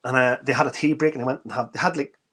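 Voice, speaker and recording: A middle-aged army veteran telling an anecdote in casual talk, acting out the dialogue, with many restarts. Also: male voice, mid-range voice, fairly even intonation, rapid-fire, fairly bright tone, breathy edge. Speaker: author and army veteran guest. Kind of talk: casual spoken storytelling.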